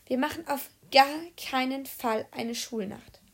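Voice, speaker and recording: A woman reading aloud voices a patient male teacher at the end of his tether, laying down the law with firm, sighing refusals. The tone is slightly gravelly and kept in a storybook register. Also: sits high, a little slow. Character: kindly but exasperated male schoolteacher.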